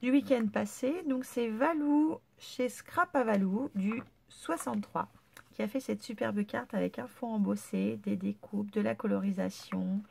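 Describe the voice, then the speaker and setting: Woman vlogger with a cold-stuffed nose and a creaky, gravelly tone, chatty and full of praise. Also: mid-range voice, a little slow. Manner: gushing, chatty, lots of fillers. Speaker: scrapbooking vlogger. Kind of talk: casual unboxing chat.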